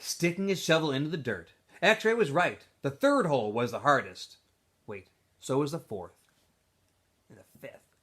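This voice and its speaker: A man with a fairly high voice reads a storybook to students, animated and expressive, tossing in casual asides to the kids listening.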